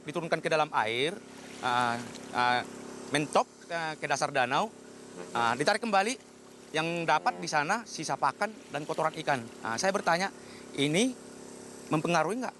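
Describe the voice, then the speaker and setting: A man's voice: fairly high pitch, moderate pace, bright, forceful tone, slight background noise. A man, a former diver, giving interview testimony outdoors by a lake, talking hesitantly with frequent "ah" fillers.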